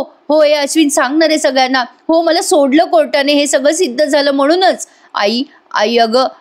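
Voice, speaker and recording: Lady playing a sobbing scheming young wife in a tv-serial recap, high pleading voice, stammers and keeps begging. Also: a bit bright, lightly acted. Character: young woman, scheming daughter-in-law, tearfully pleading.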